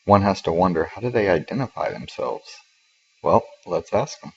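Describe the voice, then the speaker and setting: A man giving a narrated class presentation as a student, hesitant and filling pauses with "uh" and "um". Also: low-pitched, gravelly, breathy edge, highs cut off. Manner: hesitant, many fillers.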